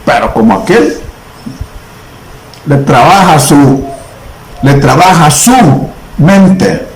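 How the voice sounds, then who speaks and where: Slow, fervent preacher in an echoey room. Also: male voice, fairly high pitch, big pitch swings, a little hiss or hum. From El Salvador. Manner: slow, emphatic preaching with long pauses. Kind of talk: sermon. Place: church.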